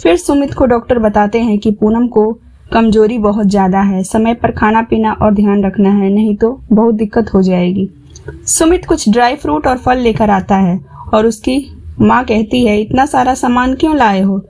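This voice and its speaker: A woman narrating a family story in a steady storytelling voice. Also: a little high, normal speed.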